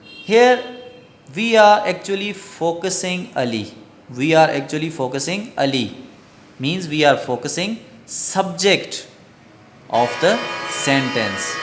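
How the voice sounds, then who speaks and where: A male teacher with a Pakistani English accent talks through a grammar lesson at an unhurried pace. His voice sits somewhat high for a man. He repeats each definition word for word so students can follow. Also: fairly bright tone. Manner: slow, repeats key sentences twice. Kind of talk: recorded lecture.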